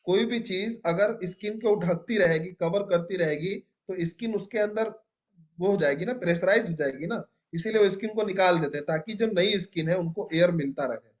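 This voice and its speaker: A man's voice: high voice, moderate pace. A young man teaching a biology class, asking students questions and praising their answers. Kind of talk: classroom lecture.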